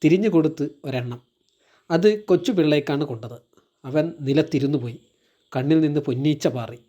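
A man reading a school textbook story aloud in measured, expressive storybook narration. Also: a little high, dull audio.

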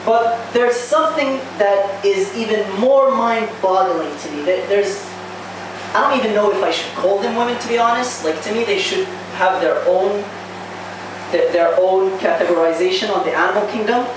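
A young stand-up comedian from Saudi Arabia, his voice sitting high, trips over restarts and leaves drawn-out pauses during his set in a small bar. He uses a handheld mic, yet the recording comes from a camera across the room, making it very roomy and distant over a steady hum of background noise.

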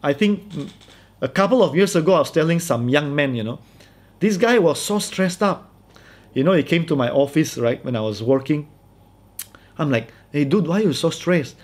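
A man preaching in a casual, conversational style with a Malaysian English accent, emphatic and animated. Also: fairly high pitch, normal speed, pauses often. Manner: animated, emphatic, acts out quoted voices. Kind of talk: conversational sermon.

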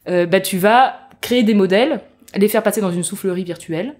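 A woman's voice: medium pitch, brisk, a little mellow. A young woman, a guest engineer, explaining her work in a casual podcast interview at a festival, with many fillers and restarts. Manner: hesitant, many fillers and restarts, laughs easily. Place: festival venue.

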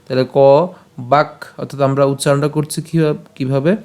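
Bengali man slowly drilling verse pronunciation. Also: medium pitch, level tone. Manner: slow, syllable-by-syllable drilling, asking and answering his own questions. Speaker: teacher of scripture recitation. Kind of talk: pronunciation lesson with chanted verse.

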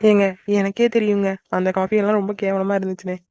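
A sweet young wife in a cartoon, voiced by an actor, eagerly pleading with her husband in a rapid stream of talk. The sound is dry and dull. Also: medium pitch, level tone, warm tone, clear, resonant tone, no room sound, lightly acted. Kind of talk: cartoon voice acting.

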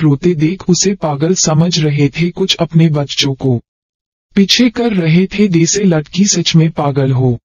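A man reading a story aloud as an audiobook narrator in a steady storytelling manner, on a dull lo-fi recording. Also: fairly high pitch, no room sound.

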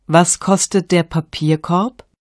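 A woman reading vocabulary aloud with clear pronunciation in a studio course recording. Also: on the low side, fairly even intonation, slow, darkish tone, no room sound. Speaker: vocabulary reader. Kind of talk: scripted reading.

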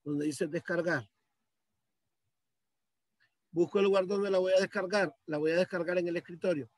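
A man's voice: high-pitched, fairly even intonation, normal speed, no room sound. A male teacher walking students through a computer task step by step, patiently, on a video call. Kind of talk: screen-share computer lesson. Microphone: computer mic on a video call.

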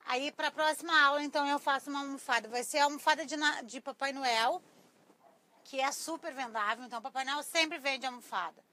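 Thin, reedy, high-pitched Brazilian woman. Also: a little fast, bright, forceful tone, no echo. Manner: chatty, informal, often addressing viewers. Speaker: craft teacher hosting a live class. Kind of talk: casual live-stream tutorial chat. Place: small cluttered craft workshop indoors. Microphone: clip-on lapel mic.

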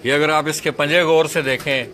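On an outdoor rooftop pigeon loft, a pigeon fancier vlogger shows his birds to the camera, talking viewers through each one and giving short instructions to a helper. His voice is fairly high, steady, bright, and forceful at a moderate pace, with a little hiss or hum.

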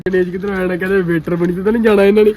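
A man's voice: sits high, steady tone, very fast, darkish tone, a little hiss or hum, poor audio. A young man with a Punjabi accent in casual chat, questioning his friend insistently and repeating himself. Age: young adult.

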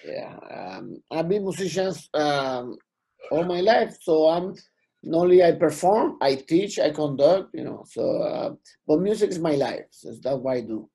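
Puerto Rican-accented man, middle-aged, dark breathy tone, loose chatty guest. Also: on the high side, animated, unhurried. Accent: Puerto Rican Spanish-accented English. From Puerto Rico. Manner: rambling, many "you know" fillers. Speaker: guest musician. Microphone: video call.

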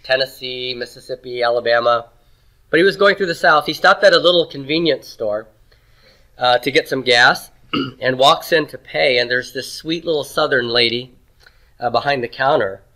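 This Hebrew grammar lecture in a Texas classroom comes from a man with a medium-pitched, sharp-toned voice speaking at a moderate pace. He explains patiently in a conversational way, clearing his throat from time to time. It's a rough recording.

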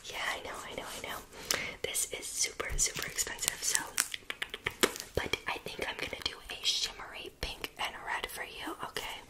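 A young woman in a whispered role-play as a sassy, condescending mean girl, talking close up in a fast, chaotic way and repeating words in rapid strings. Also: low-quality recording. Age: young adult. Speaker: ASMR performer. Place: small room indoors.

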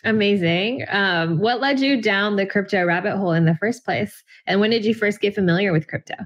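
A woman's voice: mid-range voice, a little fast. A woman hosting an interview over a video call from a room at home, asking questions in a friendly, hesitant way with many fillers. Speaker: interview host. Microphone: video call webcam.

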